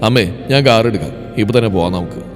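Man doing a quiet, low-voiced middle-aged father, reverberant, soft music. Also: fast talker, lightly acted. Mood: eager.

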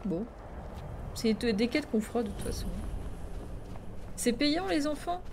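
A woman streaming a game, chatting excitably to her viewers and laughing often. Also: fairly high pitch, measured pace, noisy background. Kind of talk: let's play commentary. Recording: game music playing behind.

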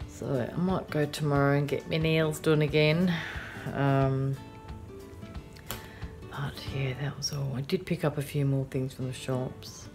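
Low-voiced chatty Australian woman. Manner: chatty, rambling, lots of ums and yeahs. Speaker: vlogger. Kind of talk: casual haul chat. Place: in a car at night.

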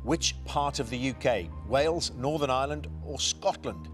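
A man hosting a television quiz show in a studio, briskly reading out questions and answer options. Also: mid-range voice, faint music behind.

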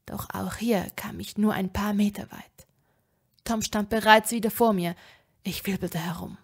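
A woman narrating a fan fiction story in the first person, dropping to a hushed whisper at tense moments. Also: mid-range voice, steady tone, unhurried, vocal fry, breathy edge. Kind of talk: dramatic audiobook reading of fan fiction.

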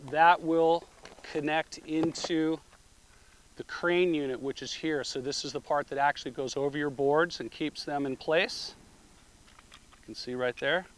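A middle-aged man demonstrates a roof rack product at a beach, standing beside a car and recorded on a camera mic. He gives plain, step-by-step instructions in an unhurried voice on the high side, with slight background noise.

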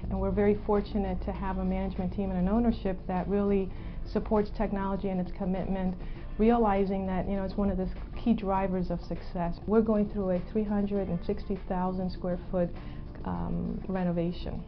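A woman in her forties, an IT director speaking in a measured, businesslike way in a corporate testimonial interview, filmed in a studio. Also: medium pitch, little pitch movement. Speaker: stadium IT director. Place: indoor studio before a logo backdrop. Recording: slightly dull audio with faint music.

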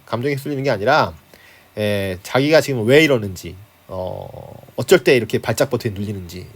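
A man teaching high school literature in a relaxed, conversational manner. His pitch moves widely as he explains, and he keeps prompting his students with short tag questions. He lectures from his home. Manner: starts phrases with a prompting filler, chuckles now and then. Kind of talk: online lecture on a class handout.

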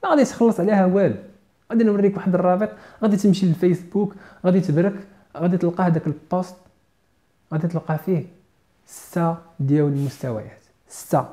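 Moroccan guy teaching english, mellow low-key voice, repeats words slow n emphatic. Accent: Moroccan Arabic. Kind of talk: casual online lesson, mixing English and Moroccan Arabic.

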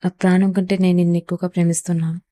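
A woman's voice: lowish voice, level tone, very fast, mellow, natural voice. A woman voicing a wounded, obsessive young mafia don who speaks tenderly and pleadingly to the woman he loves.

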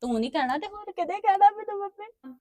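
A woman playing a soft, doting stepmother. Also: very high voice, lively intonation, fast. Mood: tender. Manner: soothing, affectionate pleading. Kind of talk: amateur family web drama.

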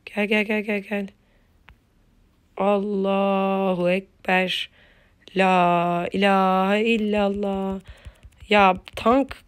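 A woman's voice: medium pitch, fairly bright tone. A woman giving playful, casual commentary while playing a mobile game, just woken up and chanting words over and over. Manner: playful, chatty, repeats words in quick chants.

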